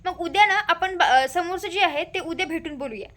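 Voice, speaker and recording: A woman's voice: very high-pitched, fairly quick, a bit bright. A woman voicing a pushy jealous rival.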